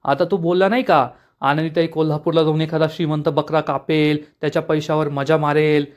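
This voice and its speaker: A man's voice: fairly high pitch, level tone, brisk, natural voice. A man voicing a worried young woman searching for her missing sister. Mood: anxious. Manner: pleading, upset.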